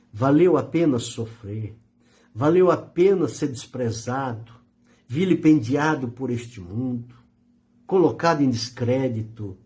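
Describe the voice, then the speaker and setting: A male pastor delivers a sermon, his pitch climbing and falling in wide, animated sweeps. His voice is dark and mellow, and he preaches with earnest emphasis and slow pauses for effect.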